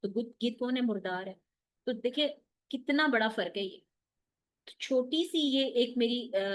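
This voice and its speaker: A woman gives a lesson on reciting scripture, her voice sitting a little high. She explains each mistake in turn, asks rhetorical questions and answers them herself, in a calm teaching tone. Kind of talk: online tajweed lesson.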